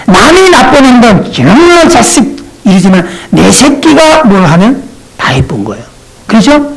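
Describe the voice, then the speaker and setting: A male pastor preaching a sermon, talking straight to his congregation in a playful, animated way. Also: sits high, normal speed, gravelly, rough recording.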